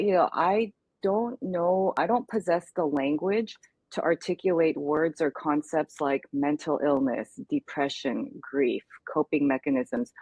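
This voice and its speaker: In a frank interview, this female guest from the United States reflects earnestly on what she has been through. She has a low, somewhat mellow and husky voice, captured without any room sound.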